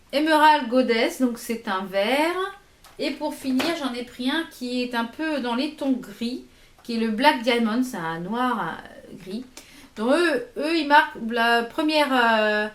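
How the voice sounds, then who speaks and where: A woman with a high voice chats casually through a makeup haul, pausing often with fillers as she shows each product. Her voice rings in a roomy, echoey space at home. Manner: hesitant, many fillers, shows products to camera. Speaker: beauty vlogger.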